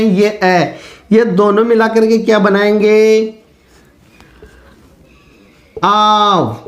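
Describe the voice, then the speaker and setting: A man giving a grammar lesson at a slow, deliberate pace. He keeps asking his students what comes next and then answers himself. His explaining stays patient and step by step. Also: high-pitched. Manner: poses questions to the class and answers them himself. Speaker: teacher.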